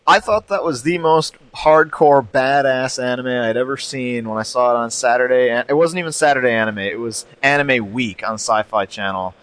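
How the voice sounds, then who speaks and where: A man's voice: mid-range voice, moderate pace, hardly any pauses, a bit bright. A man hosting a podcast in a casual chat, wordy and wry with a self-deprecating way of talking. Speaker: podcast host.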